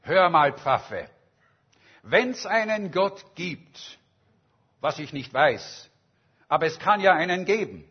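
Preacher doing an angry strike orator, fiery, accusing, husky, dull lo-fi sound. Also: male voice, on the high side, big pitch swings, takes it slowly, long pauses, heavily acted. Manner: fiery, accusing, rhetorical questions. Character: angry male strike orator railing at God.

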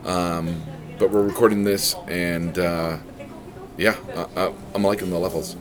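In a restaurant with music playing and crowd noise around, a man co-hosts a podcast at a measured pace. He speaks in a low voice with fairly even intonation, drifting through casual chat full of fillers and crude jokes.

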